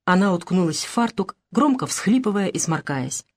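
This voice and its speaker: A woman reading a novel aloud in even, measured audiobook narration. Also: fairly low pitch.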